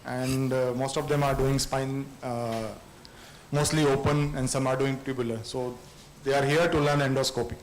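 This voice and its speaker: A man's voice: medium pitch, level tone, normal speed, slight background noise, poor audio. A man moderating a surgical workshop, summarizing the participants briefly.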